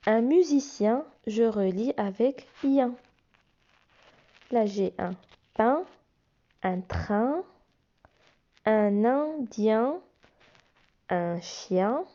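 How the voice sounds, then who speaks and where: A woman's voice: fairly high pitch, animated, drawn-out words, long pauses, mellow, dull audio. A woman teacher walking young children through phonics exercises, patiently spelling out letters and sounds. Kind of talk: phonics lesson explaining workbook exercises.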